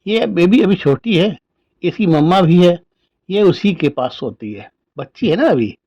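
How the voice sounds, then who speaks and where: A man's voice: high voice, expressive, a little slow, dark tone, dry recording, highs cut off, full character voice. A man voicing a pampered middle-aged woman who dotes on her cats and whines about her illnesses, speaking in a coaxing, doting way. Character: pampered middle-aged woman, whiny hypochondriac cat lover.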